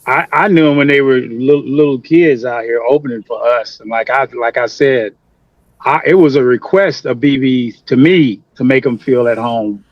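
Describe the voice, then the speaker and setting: A man's voice: medium pitch, normal speed, dry recording. A man, a musician guest, speaking emphatically and plainly in a casual interview, heard through a video call. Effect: remote video call audio. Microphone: computer mic on a video call. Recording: muffled dry video call line.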